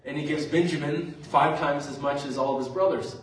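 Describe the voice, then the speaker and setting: Guy preaching a sermon, chatty storytelling, voice a bit high, booming echo from far off. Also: steady tone, brisk. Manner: conversational retelling with fillers. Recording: very echoey room, mic far off.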